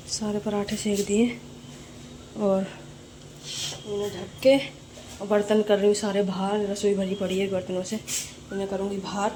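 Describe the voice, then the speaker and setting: A young woman talks through her household chores in a relaxed, rambling vlog. Her voice sits at an ordinary middle pitch. The phone camera picks up a faint wash of home background noise. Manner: chatty, rambling, talks while doing chores. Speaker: vlogger. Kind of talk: casual home vlog chat. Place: home kitchen and rooms.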